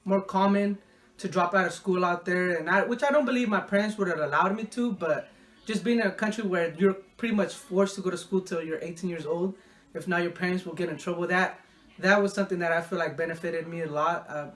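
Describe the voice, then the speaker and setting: A young man from Mexico answering interview questions in a casual, halting way, often repeating words while he thinks. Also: high voice, fairly bright tone.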